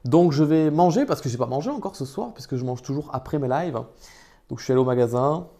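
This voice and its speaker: A man's voice: a little high, animated, quick pace, mellow. A man casually chatting to his viewers during a live stream, talking into a phone. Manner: chatty and improvised, talks to his chat.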